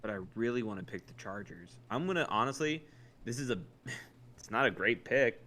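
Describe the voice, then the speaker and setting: An American man with a bright, punchy voice and average pitch talks sports casually as a podcast co-host. His phrasing is colloquial and loose, and there is some noise behind him. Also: lively intonation, moderate pace.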